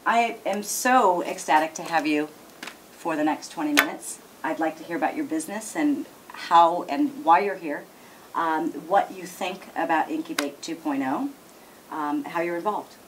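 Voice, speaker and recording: A woman's voice: sits low, moderate pace, background noise. A woman interviewing a guest, eager and upbeat, often checking that she has understood. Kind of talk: business interview. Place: executive briefing center.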